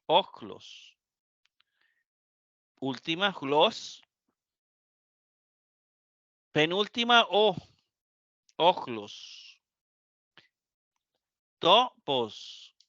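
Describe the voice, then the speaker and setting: A man teaching a live class, explaining words slowly syllable by syllable and often checking in with his students. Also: a little high, very animated, a bit bright, no room sound, lo-fi sound. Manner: slow, syllable-by-syllable explanation with frequent "¿verdad?". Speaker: Greek teacher.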